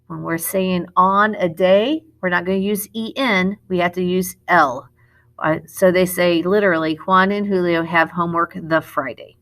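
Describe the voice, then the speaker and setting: A woman's voice: on the low side, fairly even intonation, normal speed, fairly bright tone. A middle-aged woman as a Spanish teacher, recording a classroom lesson video, explaining step by step and correcting herself as she goes.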